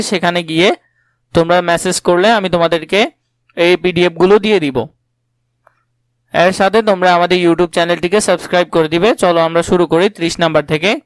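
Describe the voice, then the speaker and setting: A man with a high, smooth and resonant voice runs through an exam lesson for students. He reads out each question and then gives its answer, recorded close on a dry mic. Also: no room sound. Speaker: teacher.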